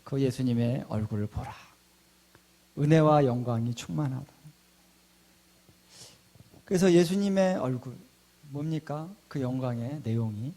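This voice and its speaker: A middle-aged pastor preaching in a mellow, warm voice. He tells his story in a lively way and drops to a hushed tone when he quotes prayers. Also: medium pitch. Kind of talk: sermon with personal testimony.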